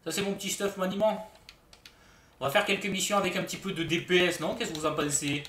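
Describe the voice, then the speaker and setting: A high-pitched man chats through a live game stream, teasing his viewers and putting on mock outrage. His voice sounds roomy and a little far from the mic, with faint noise in the background. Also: steady tone, fast, pushed and bright. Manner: joking, mock-outraged banter with chat. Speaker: streamer playing a shooter game. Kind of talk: casual live-stream commentary.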